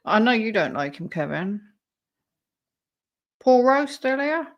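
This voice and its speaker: A woman with a slightly high, very animated voice hosts a casual live stream, speaking slowly as she reacts to a clip and reads her chat aloud. The sound is lo-fi.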